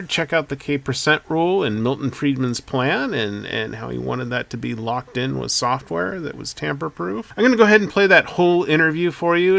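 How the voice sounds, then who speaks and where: A man hosting an economics channel, explaining in a chatty, energetic way with a few fillers. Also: medium pitch, dry recording. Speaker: channel host. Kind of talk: casual commentary to camera.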